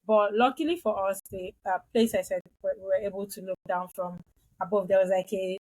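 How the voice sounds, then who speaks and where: A woman's voice: medium pitch, fairly even intonation, a little fast, a little mellow, no echo, rough recording. A woman co-hosting a podcast in casual chat, talkative and laughing easily. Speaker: podcast co-host.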